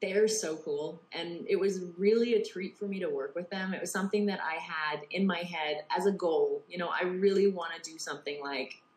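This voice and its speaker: In a casual interview, a Canadian poker TV presenter with faint English traces in her accent talks at a moderate pace with few pauses, her voice lowish. She's chatty and heavy on fillers such as "like" and "you know"; the recording has echo and faint noise.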